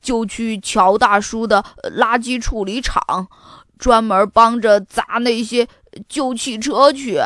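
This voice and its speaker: A woman reading a storybook, voicing a boisterous chubby boy who talks loudly. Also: a little high, slow pace, no room sound, clean studio sound.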